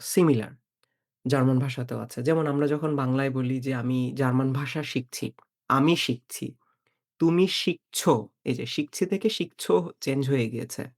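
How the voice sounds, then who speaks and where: A man leads a beginner German lesson in a calm, explanatory tone. He slows down to repeat example words one by one. His voice stays at an ordinary middle pitch. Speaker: German language teacher.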